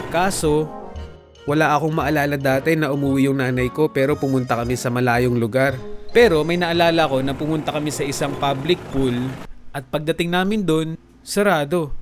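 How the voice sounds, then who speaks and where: A young man from the Philippines narrating a comedic storytime for an animated video, with playful jokey asides to viewers. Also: a little high. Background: background music.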